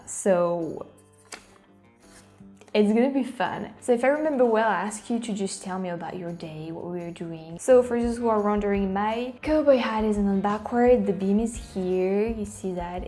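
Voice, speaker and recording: In a casual vlog, a young French-accented woman talks to camera from a cramped room at a normal speed, her mid-range voice mellow, with soft music playing behind her. She frequently restarts and slips into whispers now and then.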